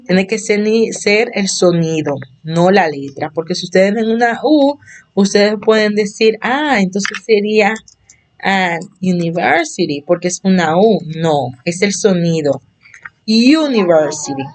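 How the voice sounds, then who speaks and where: A woman's voice: medium pitch, animated, unhurried, a little mellow. A woman teaching a basic English lesson in Spanish, patiently explaining and repeating examples for her students. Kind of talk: slow explanatory online lesson.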